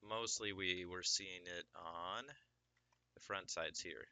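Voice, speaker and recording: A man giving a relaxed, explanatory software sculpting tutorial with plenty of fillers, recorded at a desk microphone. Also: low voice, takes it slowly, no room sound. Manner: casual, explanatory, many fillers. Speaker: 3D sculpting instructor.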